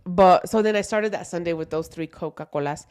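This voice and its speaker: An older woman co-hosting a casual podcast, telling stories in a chatty, motherly, animated way. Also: lowish voice, fairly quick, smooth. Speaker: podcast co-host. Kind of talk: casual chat.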